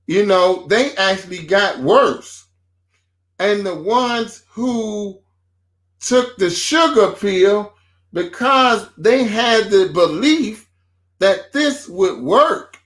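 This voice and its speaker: A man co-hosting a faith talk show, speaking informally and building his points slowly with repeated phrases, in a casual preaching tone. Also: high-pitched, expressive, fairly bright tone.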